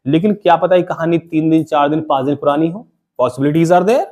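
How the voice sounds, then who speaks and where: A man's voice: a little high, normal speed, a little mellow. A man teaching an English grammar lesson to a classroom of students, repeating key terms and asking the class to say them back. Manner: call-and-response questioning, repeats key terms.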